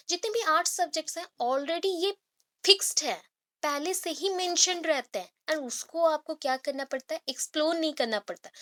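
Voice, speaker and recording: A woman teacher giving an exam-prep lecture, explaining patiently with everyday examples and frequent check-ins with her students. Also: sits high. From India. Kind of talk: exam-prep lecture mixing Hindi and English.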